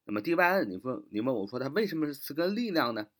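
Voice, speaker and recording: A man teaching English vocabulary in an online lesson. He repeats each word slowly, spells it out letter by letter, and fills pauses with drawn-out "ah"s. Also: mid-range voice, sing-song. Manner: frequent filler "啊" and "那么".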